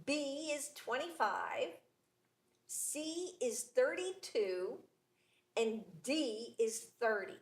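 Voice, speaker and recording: Older woman hosting, slow giggly quizmaster. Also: sits high, animated. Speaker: talk show host. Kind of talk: casual trivia quiz chat. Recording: roomy studio with faint hiss.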